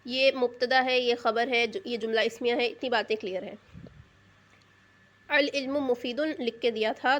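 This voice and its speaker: Female grammar teacher, higher register, patient and repetitive, checks in with rhetorical questions. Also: fairly bright tone. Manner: patient, repeats key terms and asks rhetorical check questions. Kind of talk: explanatory lesson in Urdu.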